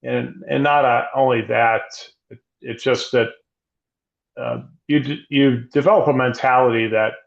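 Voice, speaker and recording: A middle-aged man speaks as a guest in a reflective, measured way, often restarting his sentences. His voice is gravelly and even, with little rise and fall. The audio sounds dull and lo-fi. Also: mid-range voice. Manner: measured, thoughtful, with frequent restarts. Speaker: guest, emergency physician. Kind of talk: reflective interview conversation.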